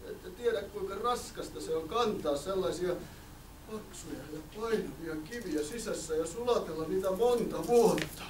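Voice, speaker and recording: A man's voice: high-pitched, a little hiss or hum, natural voice. A man voicing a sly, boastful big bad wolf who chuckles as he tells his tales. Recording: echoey room from far off.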